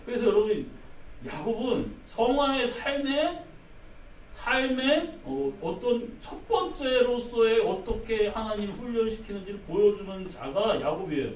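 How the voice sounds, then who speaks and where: A male pastor gives an emphatic sermon in a church sanctuary, repeatedly calling out "여러분" to the congregation and acting out quoted voices. His voice sits high, is animated and a little slow. The recording is echoey, with the mic at a distance and a slight hiss or hum.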